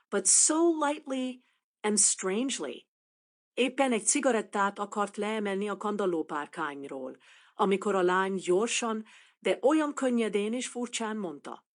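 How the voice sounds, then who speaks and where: Woman, narrator, bilingual audiobook reading, calm, measured, medium pitch.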